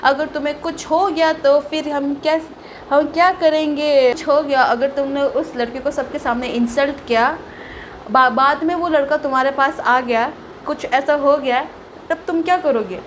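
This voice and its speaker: Young woman doing her fretful, scolding mom, high voice, storytime quote. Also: fairly even intonation, moderate pace, slight background noise, natural voice, low-quality recording. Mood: worried. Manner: anxious, scolding. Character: worried scolding Indian mother, middle-aged.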